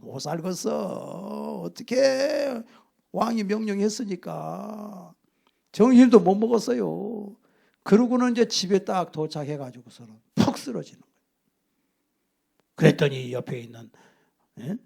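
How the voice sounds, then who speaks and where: Male pastor, high and raspy, emphatic preaching. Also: a little slow. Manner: animated storytelling with acted voices. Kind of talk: sermon.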